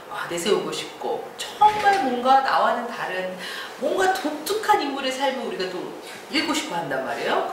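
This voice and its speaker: A woman giving a lively creative-writing lecture, acting out quoted lines and laughing often. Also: on the high side. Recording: echoey room from far off, faint noise.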